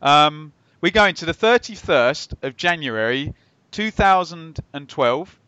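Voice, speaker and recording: A man's voice: on the high side, expressive, a little slow, sharp tone, clean tone, no room sound. A man hosting a casual football podcast, explaining things in a jokey, teasing way. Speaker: podcast host and quizmaster. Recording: slightly dull lo-fi microphone sound.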